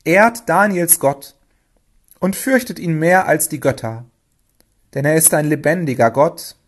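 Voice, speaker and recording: Storybook king, loud and declaiming, high-pitched, put on by the male narrator. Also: unhurried. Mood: solemn decree. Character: ancient male king, proud then anxious.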